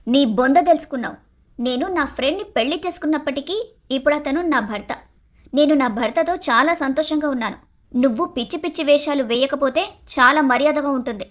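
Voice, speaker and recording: A woman's voice: high-pitched, brisk, close to an everyday voice. Woman voicing a feisty, blunt young wife. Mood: angry. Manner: blunt, scolding. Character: young married woman, sharp-tongued and feisty. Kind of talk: Telugu storybook cartoon dialogue.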